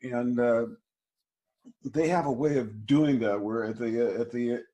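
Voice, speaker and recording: A man in an interview, telling a story in a halting way with many restarts and fillers. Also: mid-range voice, mellow. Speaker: interview guest, musician. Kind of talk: casual storytelling.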